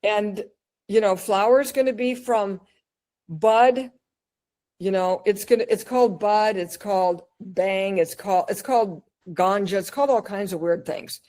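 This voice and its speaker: A woman giving an energetic, chatty lecture over slides on cannabis wellness, asking her audience questions and acting out little scenes. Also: medium pitch, a little slow, low-quality recording.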